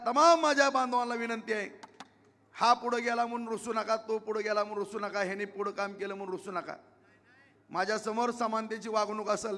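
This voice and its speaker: A man's voice: very high-pitched, pushed and bright, long reverb tail. A man giving an emphatic campaign rally speech as an election candidate, repeating himself and pleading with the crowd. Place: outdoor public rally.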